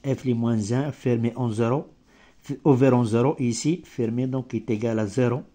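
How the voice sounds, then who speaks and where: Explaining step by step, a man teaching maths improvises a lesson in French that isn't his native tongue, so it comes out broken and halting, with grammar slips and pauses to find words. His mid-range voice is steady and mellow.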